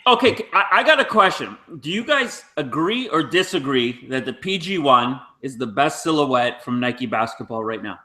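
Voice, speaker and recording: An easygoing man chats casually about sneakers. His voice is bright and moves up and down a lot, and it sounds like he is in a roomy space. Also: mid-range voice, animated, moderate pace, few pauses. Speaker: co-host. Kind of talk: casual chat.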